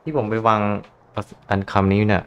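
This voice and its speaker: A man's voice: fairly low pitch, moderate pace, a bit bright, clear, resonant tone, dull audio. A man streaming a video game, chatting and musing about what he hears in casual commentary. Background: game music.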